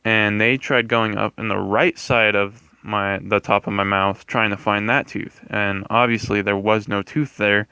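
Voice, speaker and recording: A young man tells a personal story in a casual vlog style. His voice is slightly low but bright and very clear, recorded dry and close. He rambles a little, hesitating and correcting himself as he goes. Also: fairly even intonation, unhurried, hardly any pauses, dry recording. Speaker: vlogger.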